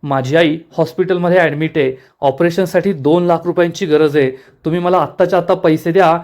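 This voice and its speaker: A man's voice: a little high, fairly even intonation, a little fast, a little mellow, natural voice. A man voicing a desperate middle-aged male branch manager in a serial recap, begging urgently. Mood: pleading. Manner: pleading, tearful.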